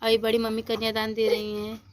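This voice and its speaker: A woman's voice: a little high, completely flat delivery, a little fast, noisy background. A young woman chats casually at home while walking through a photo album. She explains each step with lots of fillers. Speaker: vlogger.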